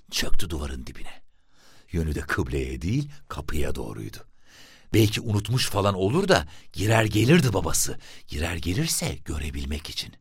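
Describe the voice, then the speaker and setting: A man narrating a story for an audiobook in a lively, expressive reading. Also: low voice, breathy edge, dry recording, clean studio sound.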